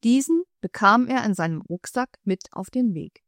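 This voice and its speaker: A woman narrating a fairy tale in calm, measured storytelling. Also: fairly high pitch, no echo, clean studio sound.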